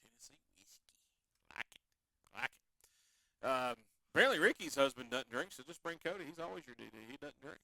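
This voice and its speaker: A man's voice: on the high side, expressive, a little fast, vocal fry, pauses often, pushed and bright, no room sound, studio quality. A man from the hosting a casual chat show, joking around and repeating phrases. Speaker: podcast host.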